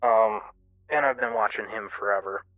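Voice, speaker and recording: A man giving a candid, casual personal monologue as a streamer, in a halting, self-reflective way. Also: fairly low pitch. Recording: muffled, roomy lo-fi radio-like sound, music behind. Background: music.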